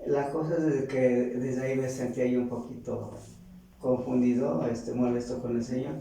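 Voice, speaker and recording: A man with a Mexican accent giving a halting, earnest personal faith testimony, often repeating words. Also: medium pitch, fairly even intonation, mellow. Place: large church hall. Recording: echoey church from far off.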